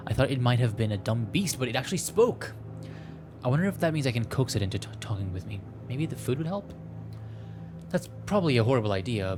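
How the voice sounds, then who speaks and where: Against a noisy background with music playing, a man with a mid-range voice hosts a gameplay video. He reads a visual novel aloud, teasing himself and tripping over the text.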